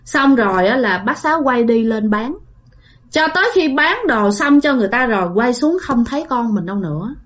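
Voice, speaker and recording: A woman's voice: a little high, expressive, moderate pace, fairly bright tone. Chatty woman storyteller. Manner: chatty, addresses listeners directly, many fillers. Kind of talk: casual spoken ghost story narration.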